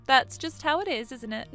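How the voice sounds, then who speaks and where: Bratty younger sister in her twenties, woman actor, mocking and sneering, bright lively delivery, text-story drama. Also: high-pitched, unhurried, faint music behind, full character voice. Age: 20s. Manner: mocking, laughs at others. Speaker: character in a voiced text story. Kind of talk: voice acting for a text-message story.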